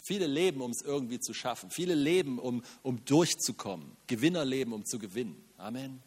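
A man preaching a sermon in German, animated, with rhetorical questions, self-mocking asides and frequent "Amen". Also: mid-range voice, a little fast, breathy edge, big-room sound. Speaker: pastor.

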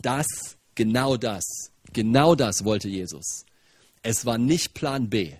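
A man giving a lively, conversational sermon, full of rhetorical questions and casual asides. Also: mid-range voice, slow pace, husky. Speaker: preacher.

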